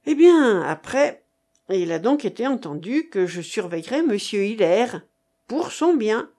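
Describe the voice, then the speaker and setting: A woman's voice: mid-range voice, big pitch swings, unhurried, dark tone. A woman reading aloud, voicing a timid, self-satisfied former umbrella seller who is a man. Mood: placating.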